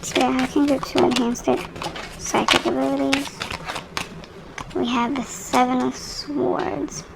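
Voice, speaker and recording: Young woman, tarot reader, chatty rambling delivery, slightly high voice, gravelly fry, phone mic. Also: flat delivery, measured pace, long pauses, heavy background noise. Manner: chatty and rambling, addressing viewers directly. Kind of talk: casual tarot reading to viewers. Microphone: phone microphone.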